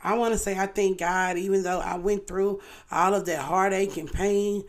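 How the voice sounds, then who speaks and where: A woman's voice: medium pitch, steady tone, normal speed. A woman, a parent, hosting her own online show in a casual, heartfelt talk to her viewers, earnest and chatty, often checking in with her listeners. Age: adult parent. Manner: earnest, chatty, often asks "you know what I'm saying".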